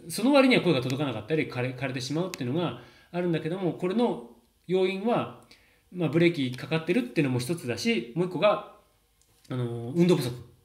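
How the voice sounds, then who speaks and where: A man in his thirties, a voice coach explaining in a casual, chatty lesson with many fillers and laughs. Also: fairly high pitch. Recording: roomy echo.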